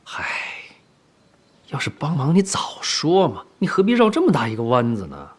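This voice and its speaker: An actor playing a kindly, easygoing middle-aged father who talks softly, at times half in a whisper, in a period TV drama. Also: fairly high pitch, wildly swooping pitch, moderate pace, husky, exaggerated voice. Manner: gentle, soft, half-whispered consoling. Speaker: father figure.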